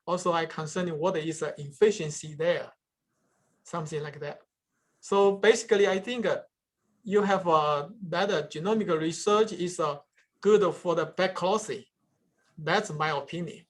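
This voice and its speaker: A man answering questions after his research seminar, speaking haltingly with many restarts and fillers. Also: on the high side. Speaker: guest speaker, peanut breeding researcher.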